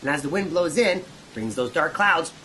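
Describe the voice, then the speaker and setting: Lively man hosting a kids' show. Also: fairly high pitch, moderate pace. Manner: animated, playful, talking to children. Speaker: children's show host. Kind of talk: playful kids' music lesson. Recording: noisy recording.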